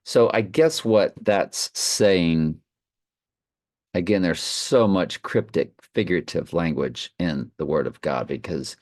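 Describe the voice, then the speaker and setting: Hosting an online Bible study, this man reads and comments off the cuff in a low-pitched, darkish voice, taking it slowly. Half his mouth is numb from the dentist, so he slurs slightly. The recording is studio quality with no room sound.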